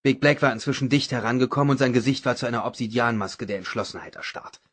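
A man reading a novel aloud as audiobook narrator, in a dramatic, even manner. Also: mid-range voice, fast talker, slightly rough. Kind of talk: scripted narration.

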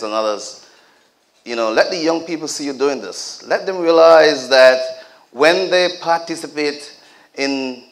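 Speaking at a community celebration, a man with a mid-range, slightly bright voice exhorts the crowd like a preacher. He addresses them directly and throws in joking asides.

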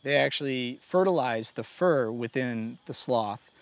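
A man's voice: mid-range voice, measured pace, no room sound. A male researcher explaining things plainly in an interview out in the field. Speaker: research scientist. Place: outdoors in rainforest.

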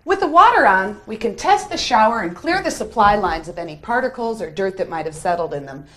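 A woman on a renovation crew gives friendly, hands-on instructions, explaining each installation step as she works. Her medium-pitched voice is animated, fairly quick, and fairly bright.

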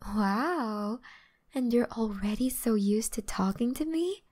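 A woman playing a flirtatious, gentle but predatory female vampire in an ASMR role-play, teasing and softly boastful. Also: on the high side, animated, takes it slowly. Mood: amused, coaxing.

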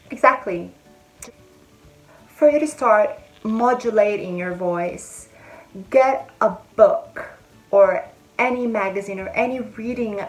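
Talking straight to camera from a room with a bead curtain at her back, a young vlogger gives friendly, chatty step-by-step tips. Her pitch sits in the middle range, and the sound quality is poor.

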